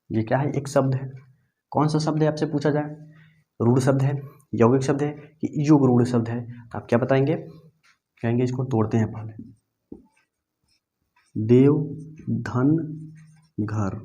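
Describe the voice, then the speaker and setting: A man teaching a Hindi grammar lesson. He keeps asking the class questions and answering them himself, and slows down to dictate notes. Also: medium pitch, steady tone, warm tone. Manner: dictates slowly for note-taking.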